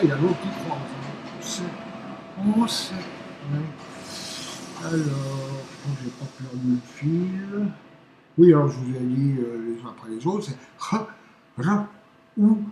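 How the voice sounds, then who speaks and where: A man's voice: a little high, a little mellow, reverberant, rough recording. A man giving a casual pronunciation lesson, playfully breaking words into single sounds, with a train passing outside. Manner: slow, playful, spells sounds out one by one. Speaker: online language teacher. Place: room with a train passing nearby.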